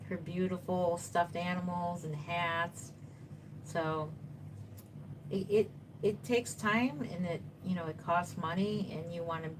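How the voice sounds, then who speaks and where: A woman in her fifties with a lowish voice chats casually on a live stream over background noise. She's a doll artist who paints while reading viewer comments and answering them reassuringly.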